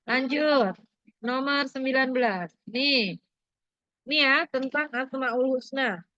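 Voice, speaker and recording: A woman's voice: high-pitched, slow pace, bright, forceful tone, dull audio. A woman teacher going over a lesson with her class, asking questions and prompting students for answers. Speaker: religious studies teacher.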